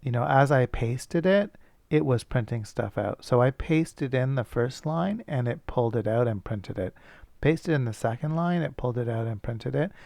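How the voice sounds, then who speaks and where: A man's voice: medium pitch, expressive, moderate pace, vocal fry, darkish tone, dry recording. A male teacher thinking aloud as he works through a coding problem, casual and self-correcting. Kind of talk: screencast coding lesson.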